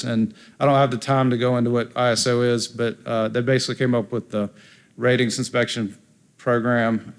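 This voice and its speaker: A man giving a hurried conference presentation, with frequent fillers and restarts. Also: medium pitch, clean tone. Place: conference room.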